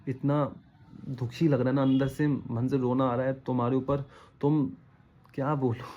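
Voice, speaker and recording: A man's voice: medium pitch, warm tone, dull audio. A man delivering a casual, rambling opinion rant to his viewers, scolding and disappointed, often repeating himself. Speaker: vlogger.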